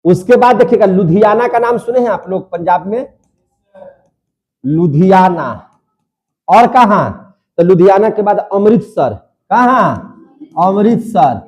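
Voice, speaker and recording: A man's voice: sits high, animated, measured pace, long pauses, darkish tone. A young man teaching a class, drilling students by asking questions and repeating each answer. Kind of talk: classroom lecture.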